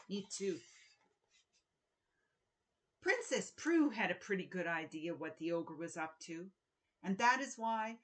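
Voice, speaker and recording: A woman with a mid-range voice reads a picture book aloud to children, telling the story in an expressive, deliberate way.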